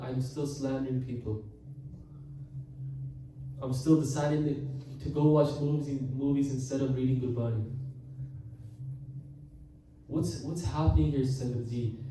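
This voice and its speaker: A man delivers an earnest sermon, often calling out to the congregation and slowing down to stress key words. His voice is dark and mellow. It echoes heavily through a large hall, picked up from a distance with a faint hiss behind it. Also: mid-range voice. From Canada. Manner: earnest, addresses the congregation often, slows for emphasis. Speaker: Sikh preacher giving katha.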